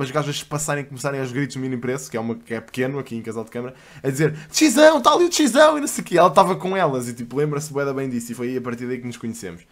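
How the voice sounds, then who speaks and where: A twentysomething man with a European Portuguese accent and a medium-pitched voice streams himself reacting to videos, chatting in a casual, slang-heavy way. He swears freely and breaks into loud bursts of laughter.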